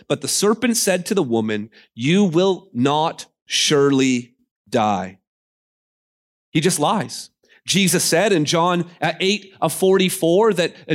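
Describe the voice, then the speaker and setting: A man preaching a sermon in a church, swinging between emphatic, raised lines and quiet, hushed ones. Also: fairly high pitch. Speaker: pastor.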